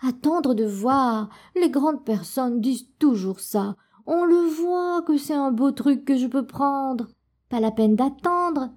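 Une conteuse qui joue une fillette têtue et impatiente. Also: female voice, sits high, lively intonation, unhurried, dark tone. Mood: insistent. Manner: eager, insistent. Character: stubborn little girl, hat lover.

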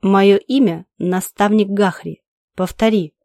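A woman voicing a cold, cruel male alien interrogator who speaks slowly and evenly, reading an audiobook. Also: mid-range voice, steady tone, dark tone, no echo, clean studio sound. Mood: menacing. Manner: slow, level, menacing delivery. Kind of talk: audiobook character voice.

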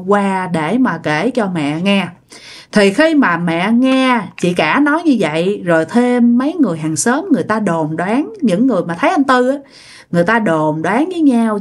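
A woman with a Southern Vietnamese accent and a mid-range voice tells a ghost story in a chatty way, addressing her listeners directly.

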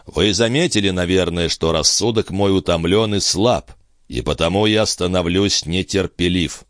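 A man voicing a tired, haughty count who answers slowly and with calm disdain. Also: low-pitched, dry recording, clean studio sound, lightly acted. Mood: disdainful. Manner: slow, languid, condescending.

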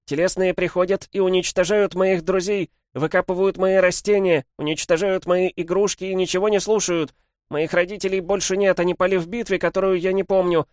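A man voicing a demon who speaks as a small, lonely boy in a storybook reading, high and pleading. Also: a little mellow, no echo, clean studio sound, close to an everyday voice.

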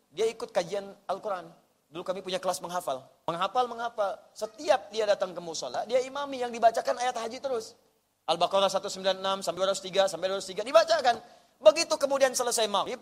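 High-voiced preacher, echoing hall. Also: male voice, fast. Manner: lively, swings from hushed storytelling to loud urging. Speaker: ustaz, preacher. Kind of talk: sermon. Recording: long hall reverb.

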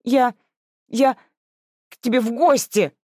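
A woman's voice: slow, dark tone, dry recording, clean studio sound. A woman voicing a cheeky, petulant sixteen-year-old girl in an audiobook. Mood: sobbing tantrum. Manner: petulant, shrill outbursts.

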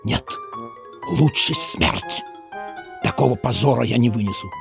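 Man doing a theatrical conman, wailing husband act, gravelly lower voice, soft music behind. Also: huge pitch swings, unhurried, heavily acted. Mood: melodramatic. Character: scheming con man faking a wronged, weepy husband.

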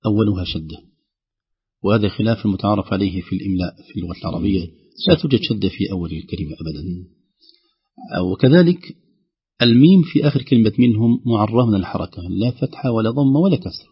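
A man, a Quran recitation teacher, explains reading rules on the radio and slowly demonstrates words aloud. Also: fairly low pitch, vocal fry, breathy edge, highs cut off.

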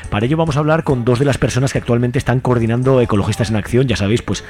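A radio host from Spain, speaking with a Spanish accent, presents his show in a loose, conversational manner with hesitant phrasing. His voice is mid-range and darkish, and he talks in rapid-fire bursts.

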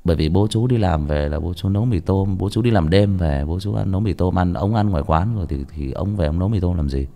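Gravelly low-voiced young man. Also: fast talker, hardly any pauses, warm tone. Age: young adult. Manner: casual, stammers and repeats words. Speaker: audiobook reader. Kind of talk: rambling spoken monologue.

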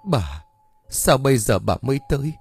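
A man's voice: mid-range voice, big pitch swings, normal speed, gravelly, breathy edge, soft background music, exaggerated voice. A man voicing a shaken grown son in an audio story, asking choked, pleading questions. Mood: grieving.

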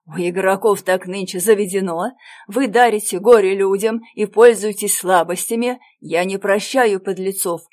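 A woman voicing a proud young gentleman in a storybook reading, indignant and clipped as he scolds. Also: sits high, moderate pace, lightly acted. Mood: scornful. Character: stern proud young gentleman, quick to scorn.

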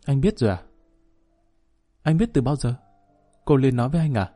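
Brief: guilt-ridden middle-aged wife, soft and pleading, voiced by a man reading a story. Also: mid-range voice, animated, normal speed, soft background music, close to an everyday voice. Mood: tender, pleading.

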